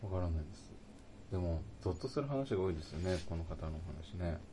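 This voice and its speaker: A male radio co-host with a very low, dark voice and quick, clipped delivery. He is blunt and teasing, with faint noise in the background. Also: animated.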